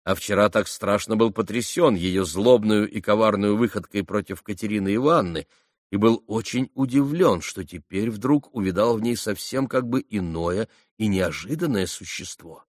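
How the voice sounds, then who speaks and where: A man narrating a literary audiobook in a measured, earnest manner. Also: lowish voice, dry recording, studio quality.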